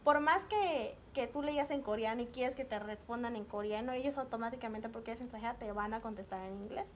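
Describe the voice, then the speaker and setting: Mexican woman, lively storyteller. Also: fairly high pitch, fast, slight background noise. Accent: Mexican Spanish. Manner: animated storytelling, acts out quoted dialogue. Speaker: guest. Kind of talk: casual podcast chat.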